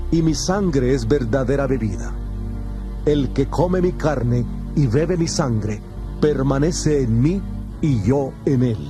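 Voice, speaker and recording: Jesus, a solemn teacher. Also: male voice, mid-range voice. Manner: measured, solemn, declamatory. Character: Jesus, calm solemn teacher, adult man. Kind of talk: dramatized scripture reading. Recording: music playing behind the voice. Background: background music.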